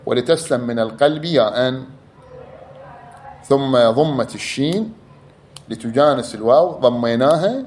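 Man, teacher, mid pitch, repeats words, slow drawn-out examples. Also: animated, darkish tone, a little hiss or hum. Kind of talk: explanatory lecture.

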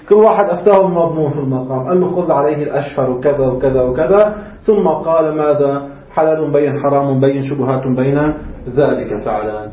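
Man, seminary teacher, brisk, answers his own questions, muffled lo-fi recording. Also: on the high side. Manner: asks rhetorical questions and answers them himself. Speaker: religious teacher. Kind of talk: seminary lecture in colloquial Levantine Arabic.

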